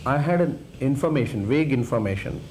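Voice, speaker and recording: An older man, a retired police officer recalling events in an interview, pausing with fillers. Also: mid-range voice, expressive, a little mellow, slight background noise, rough recording. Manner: hesitant, with filler pauses. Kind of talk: interview recollection.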